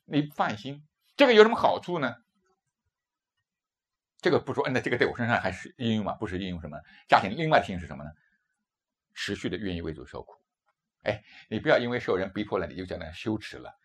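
A man in his fifties from China preaching a sermon, his pitch swinging widely as he presses his points. He keeps putting rhetorical questions to the listeners. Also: sing-song, quick pace, long pauses, slightly rough. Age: 50s. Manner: emphatic, asks rhetorical questions.

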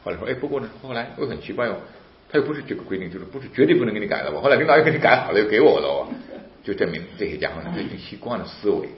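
In a roomy, dull, lo-fi recording with faint hiss, a deep-voiced man talks fast through a casual story. He's animated, acting out dialogue and breaking into emphatic outbursts.

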